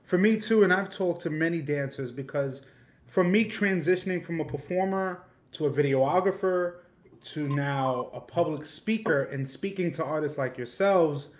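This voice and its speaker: A podcast host, a man with a fairly high voice, speaks earnestly and in measured, reflective turns. He talks through a headset on a video call from a small room.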